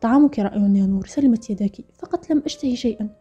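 A woman voicing a lovesick, gentle young man in a storybook narration, talking softly and wistfully. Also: fairly high pitch, racing, breathy edge. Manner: soft, wistful, quietly pleading. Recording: dull lo-fi audio with faint music.

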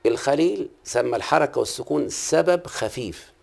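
A man's voice: mid-range voice, lively intonation, fairly quick, gravelly, darkish tone. A middle-aged man with an Egyptian Arabic accent, teaching a class and patiently quizzing the students, repeating key terms. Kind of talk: classroom lesson on Arabic prosody.

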